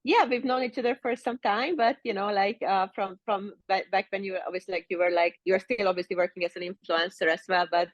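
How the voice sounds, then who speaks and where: A Hungarian woman in her thirties chats as a guest on a podcast, rambling casually and leaning heavily on fillers like "like" and "you know." Her mid-range voice is steady and quick with hardly any pauses, and there's no room sound.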